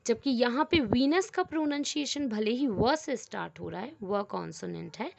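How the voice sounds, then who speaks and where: A woman teaching an English grammar lesson in a patient, explanatory way. She asks the class questions and answers them herself, repeats every rule several times, and reads the English example sentences slowly. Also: on the high side, expressive, creaky, no room sound. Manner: switches between Hindi and English, reading English examples slowly.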